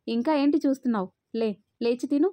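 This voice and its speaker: A woman reading aloud, voicing a stern but caring young husband who scolds and then gently consoles. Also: on the high side, fairly even intonation, moderate pace, no room sound, lightly acted. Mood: stern scolding.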